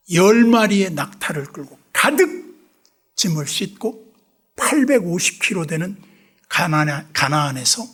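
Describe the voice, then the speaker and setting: A man preaching a revival sermon in a church, telling stories animatedly and acting out both sides of dialogues, dropping to hushed asides. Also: high voice, slightly rough. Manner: drops to hushed whispers for asides. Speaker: pastor. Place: church sanctuary.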